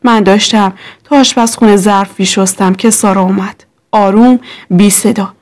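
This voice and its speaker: A woman telling a dramatic first-person story as scripted narration in a measured way. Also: medium pitch, steady tone, darkish tone.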